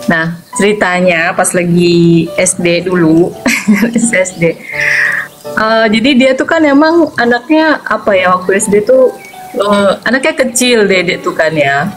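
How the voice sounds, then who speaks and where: A woman's voice: measured pace, faint music behind. A woman in her forties, a mother, telling a story in a casual interview, acting out the quoted lines and laughing often. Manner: animated, acts out quoted lines with sharp pitch jumps, laughs often.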